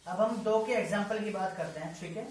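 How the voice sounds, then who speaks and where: A male teacher explains grammar at an unhurried pace, dictating each example sentence one word at a time. His voice sits back from the microphone in a strongly echoing room. A faint hum of ambient noise runs underneath. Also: high-pitched, recorded from a distance. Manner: slow and deliberate, dictating example sentences word by word and checking with "ठीक है".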